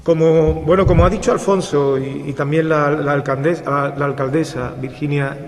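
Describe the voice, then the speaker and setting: A man from Seville, an author giving an earnest, halting speech with many restarts at a book presentation. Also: on the high side, steady tone. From Seville, Spain. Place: cultural centre hall. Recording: reverberant hall through PA.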